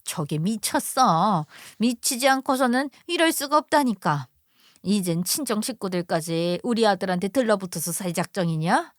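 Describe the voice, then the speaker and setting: A woman's voice: medium pitch, lively intonation, moderate pace, no echo, studio quality, lightly acted. A woman playing a spiteful older mother-in-law. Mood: contemptuous. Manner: scornful, scolding, contemptuous.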